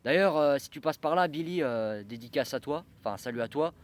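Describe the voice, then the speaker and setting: A man's voice: on the high side, lively intonation, brisk. A young man talking to camera in a casual vlog, rambling with many fillers and restarts. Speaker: train-spotting vlogger.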